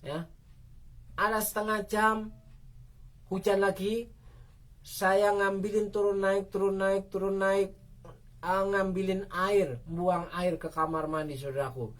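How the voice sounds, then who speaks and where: Woman pastor, slow devotional storytelling, addresses listeners often. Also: medium pitch, steady tone. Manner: storytelling with frequent "saudaraku" address, cries out prayers. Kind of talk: devotional prayer sermon.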